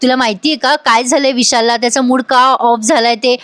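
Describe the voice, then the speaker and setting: Lady doing a pushy worried young woman, high voice. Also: steady tone, brisk, natural voice. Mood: urging.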